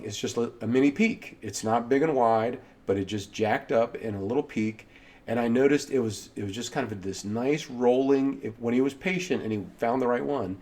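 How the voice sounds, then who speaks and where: A man's voice: medium pitch, a little mellow. A man hosting a podcast, telling a rambling, self-deprecating personal story with many restarts. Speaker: podcast host.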